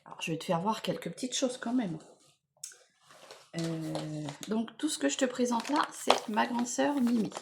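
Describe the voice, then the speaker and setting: A woman in casual vlog chat, enthusiastically presenting gifts to her viewers, repeating words and filling pauses as she goes. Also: fairly high pitch, vocal fry, a little hiss or hum. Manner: chatty, enthusiastic, many fillers and repeated words. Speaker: beauty vlogger. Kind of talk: casual unboxing chat to camera.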